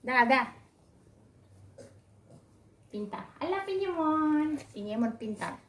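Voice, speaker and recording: A woman's voice: high-pitched, expressive, slow. Doting woman coaxing her pets, echoey. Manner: doting, coaxing baby-talk. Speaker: pet owner. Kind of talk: casual talk to pets. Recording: echoey room.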